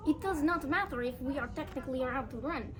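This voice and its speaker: A woman playing an indignant activist who speaks sharply and quickly in a high voice. She sounds distant, with a crowd clearly heard behind her. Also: natural voice. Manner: sharp, accusatory.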